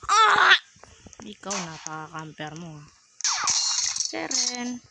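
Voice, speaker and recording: A woman's voice: medium pitch, lively intonation, moderate pace. Woman trash-talking over a noisy game. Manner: teasing, playful trash talk with sudden outbursts. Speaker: gamer streamer. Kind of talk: casual gameplay commentary. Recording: loud background noise.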